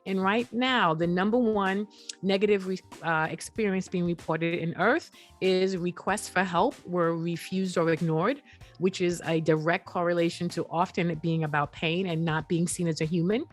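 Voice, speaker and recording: A woman's voice: lowish voice, fairly even intonation, normal speed, soft background music. A woman guest on a podcast interview, explaining earnestly and often saying "you know.". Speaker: guest, app founder.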